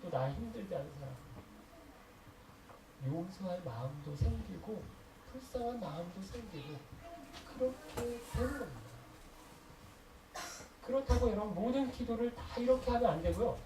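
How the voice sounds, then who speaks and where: A woman's voice: medium pitch, lively intonation, normal speed, pauses often. A woman pastor preaching a sermon in an emphatic, conversational way, asking the congregation rhetorical questions. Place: church sanctuary. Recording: echoey room, voice distant from mic, noisy.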